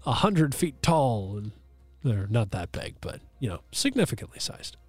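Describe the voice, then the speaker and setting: A man's voice: mid-range voice, very animated, moderate pace, a little mellow, no echo, soft background music. A man narrating a tabletop game as game master, casual and chatty, with many fillers and self-corrections.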